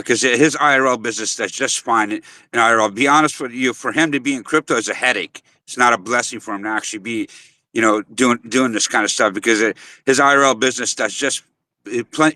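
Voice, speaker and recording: A man's voice: medium pitch, sharp tone, no room sound. A middle-aged man hosting a casual chat, speaking earnestly with many restarts. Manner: earnest, with frequent restarts and "you know" fillers. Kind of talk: casual chat on a live audio space.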